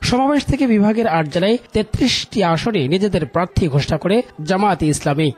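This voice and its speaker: A male TV news reporter reading a scripted voice-over in a steady, formal manner. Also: high voice, fast talker.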